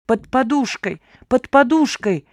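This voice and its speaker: Woman reading, doing a shaky squeaky old man, fussy and full of himself, dead dry sound. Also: warm tone, no room sound, close to an everyday voice. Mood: frantic. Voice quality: weak trembling voice. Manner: high, quavering, dramatic pauses. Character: frail old man, fussy and self-important. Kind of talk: audiobook character voice.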